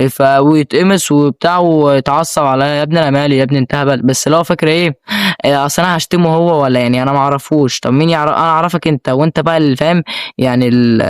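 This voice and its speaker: A man's voice: on the high side, clean tone, dry recording, studio quality. A young man with an Egyptian accent, telling an emotional personal story as a vlogger, rambling with many restarts. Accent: Egyptian Arabic.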